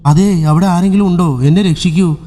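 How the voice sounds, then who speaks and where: A frightened grandfather , played by the narrator, pleads and shouts for rescue. His voice climbs high and urgent over faint background music. The tone stays mellow and dark beneath the fear. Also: normal speed, natural voice. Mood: desperate.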